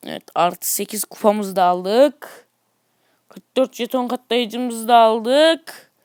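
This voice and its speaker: A man giving casual, excitable commentary on a mobile game, grumbling at the game and chatting to his viewers. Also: extremely high pitch, slow pace, smooth, dry recording, clean studio sound. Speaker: gaming YouTuber.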